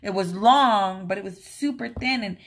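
Woman vlog host at a medium pitch, chatty and emotionally open, filler-heavy storyteller. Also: moderate pace. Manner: chatty, rambling, many "like" and "um" fillers; open and emotional when recalling events. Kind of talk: casual personal storytelling.

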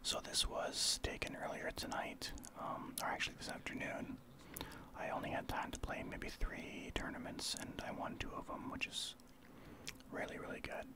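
A man from Saskatchewan, Canada, speaking in a soft breathy whisper as an ASMR streamer, explaining his gameplay in informal gamer talk. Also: moderate pace. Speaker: streamer, ASMR channel host.

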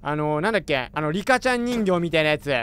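Excitable high-voiced man playing a game. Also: fast, slight background noise. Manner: excitable, chatty, jumpy reactions. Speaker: gamer. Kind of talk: let's play commentary.

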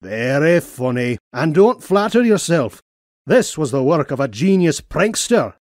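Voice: medium pitch, very animated, unhurried, darkish tone, dry recording, studio quality. A performer voicing a cantankerous, scolding old male duck, a rich miser in a cartoon comic dub. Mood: sardonic. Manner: gruff, scolding, insulting. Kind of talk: amateur comic dub acting.

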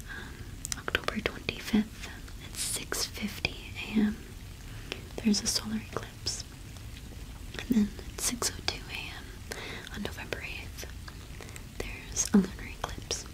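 A young woman speaking in a soft, breathy whisper close to the microphone, in a gentle, halting ASMR roleplay as a cottage witch shopkeeper. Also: medium pitch, little pitch movement, rough recording. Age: young adult.

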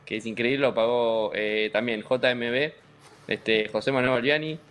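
An Argentine man of middle pitch chatting casually as an interview guest. He rambles in a loose, jokey way, padding his sentences with fillers as he goes. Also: normal speed. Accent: Argentine Spanish. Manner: relaxed, joking, rambling with many fillers. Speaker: racing driver, guest.

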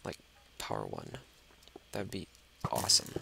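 A man's voice: extremely low pitch, huge pitch swings, a little slow, creaky, a little hiss or hum. A man doing gameplay commentary, talking to himself and the monsters and dropping to a whisper when scared. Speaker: let's play host. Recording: loud mouse clicking over the voice.

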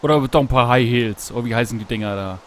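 A man casually commenting on his gameplay while fishing, talking to himself, greeting animals in the game, and yelping excitedly at each catch. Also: medium pitch, fast, slight background noise. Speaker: Let's Play host. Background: background game music.

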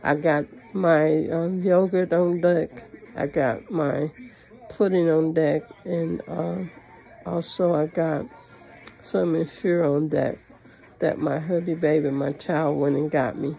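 A woman's voice: deep voice, fairly even intonation, takes it slowly, creaky, mellow, poor audio. A woman talking with new dentures in, chatting plainly in a casual video diary. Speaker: vlogger sharing a personal journey.

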